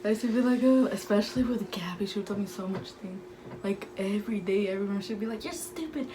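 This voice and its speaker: A soft-spoken young woman rambling through memories in a casual chat with her sister. Her voice sits at a middle pitch, and clear background noise runs under it. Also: steady tone, fast. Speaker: co-host.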